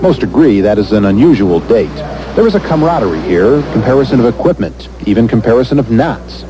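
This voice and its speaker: A man reporting for TV news in measured, dramatic scripted narration. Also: mid-range voice, big pitch swings, crowd noise.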